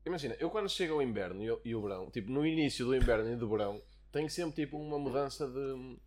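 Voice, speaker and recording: A young man with a European Portuguese accent talks very quickly in a casual podcast chat. His pitch sits in the middle, and he leans on slang, repeating words for emphasis. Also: lively intonation, a little mellow. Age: young adult. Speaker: podcast co-host.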